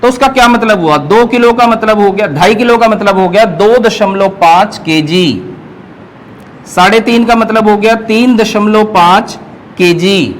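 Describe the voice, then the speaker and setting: Male teacher, online class, high voice, unhurried, patient explainer. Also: low-quality recording. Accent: Hindi, North Indian. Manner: slow, patient explaining, often checks in with students. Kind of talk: online math lesson.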